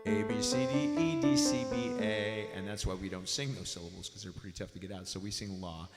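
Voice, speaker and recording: A man teaching piano and singing in a relaxed, casual way, his voice drenched in added hall reverb. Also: on the low side, a little fast. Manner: relaxed, demonstrates while explaining. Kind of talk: casual spoken lesson at the piano. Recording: big echoey hall reverb with loud piano.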